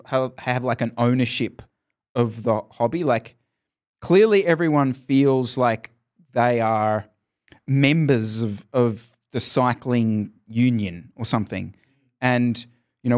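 A man's voice: medium pitch, darkish tone. A man co-hosting a cycling podcast, rambling enthusiastically in casual chat. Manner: rambling, lots of "like" fillers and restarts, enthusiastic. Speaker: podcast co-host.

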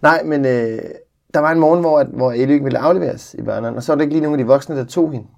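A man's voice: mid-range voice, creaky, a little mellow. A man in his thirties chatting casually as a podcast co-host, teasing and laughing often. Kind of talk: casual chat.

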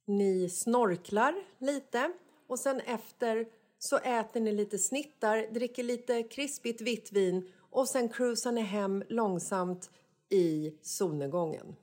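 A woman's voice: on the high side, a little mellow. A woman co-hosting a casual podcast, chatting in an easygoing way and drawing out her explanations. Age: adult, mother. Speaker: podcast co-host. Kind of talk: casual chat.

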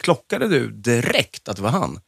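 A man with a Stockholm accent co-hosts a casual chat. His pitch swings freely around a middle register, and the recording is dry and close. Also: big pitch swings, gravelly, a bit bright, husky, no room sound. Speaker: podcast co-host.

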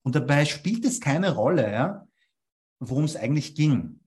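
His voice sits on the high side with big pitch swings, a darkish tone and normal speed. A young man from Vienna, Austria, he's an interview guest explaining copywriting ideas and closing points with a questioning "ja?".

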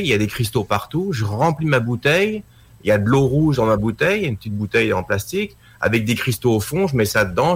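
A man, a guest telling a personal story in a casual talk, lively and full of fillers. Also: lowish voice, slightly rough. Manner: animated anecdote telling, with many fillers and acted quotes.

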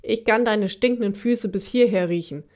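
A woman's voice: mid-range voice, normal speed, a little mellow, lightly acted. A woman voicing a big, stern female forest creature who grumbles and gives orders in a children's audiobook. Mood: firm. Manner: gruff, commanding.

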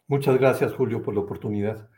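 Mexican guy interview guest, soft dark tone, stop-start talk with little tag questions. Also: medium pitch. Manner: halting, tag-question phrasing. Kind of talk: conversational political commentary.

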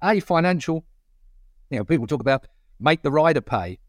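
A man's voice: fairly high pitch, expressive, normal speed, dry recording. Opinionated Essex man, close dry sound. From Essex, England. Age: middle-aged or older. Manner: blunt, colloquial, emphatic. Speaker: motorcycle racing pundit. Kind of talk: opinionated casual panel talk.

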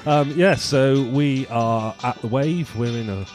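A man's voice: medium pitch, measured pace, a little mellow, faint music behind. A man hosting a casual chat show, joking and teasing as he talks. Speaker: podcast host.

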